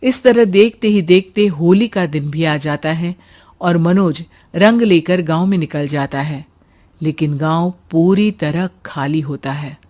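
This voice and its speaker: A woman's voice: low voice, a little slow, a little mellow. A woman narrating a scripted cartoon folk tale in a storyteller's style. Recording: music bed under the voice. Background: music.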